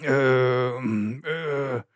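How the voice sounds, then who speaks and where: Flustered male monk acolyte, stammering, slow halting speech, storybook figure, read by a man. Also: medium pitch, dry recording, studio quality, close to an everyday voice.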